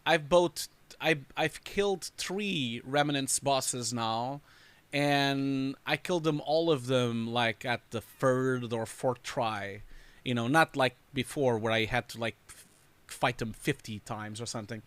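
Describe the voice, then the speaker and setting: A man's voice: medium pitch, slow pace, a bit bright, no echo. A man hosting a live stream, chatting casually and rambling, laughing often. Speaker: host reviewing showreels. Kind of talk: casual livestream chat.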